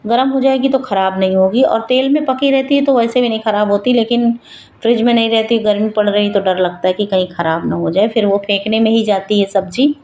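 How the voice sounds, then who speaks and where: A woman's voice: medium pitch, steady tone, fairly quick, darkish tone, low-quality recording. A middle-aged woman and mother narrating her home routine and cooking in a chatty, homely running commentary for her vlog, recorded at home in her kitchen.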